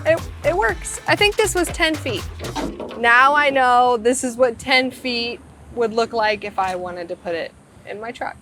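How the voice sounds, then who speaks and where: A woman hosting a home renovation vlog in casual talk, bubbly and quick to laugh. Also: a little high, expressive, over music.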